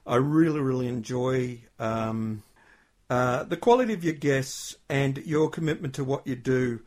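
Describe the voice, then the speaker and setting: A man's voice: mid-range voice, measured pace, darkish tone. Chatty male podcast host. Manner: chatty and complimentary, with many fillers. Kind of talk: casual interview chat.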